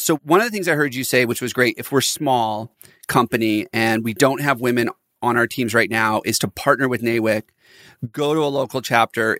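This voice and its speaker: A man hosting a conversational interview as a business coach, telling stories with animated delivery and frequent laughter. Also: medium pitch, dry recording, clean studio sound.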